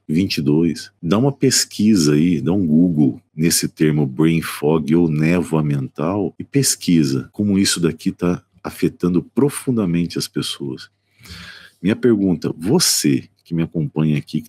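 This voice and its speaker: A man's voice: rumbling low, a little mellow, husky. A man with a Brazilian Portuguese accent, a psychotherapist speaking from his apartment on a live stream, talking straight to viewers in a conversational way and asking them rhetorical questions. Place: apartment at home.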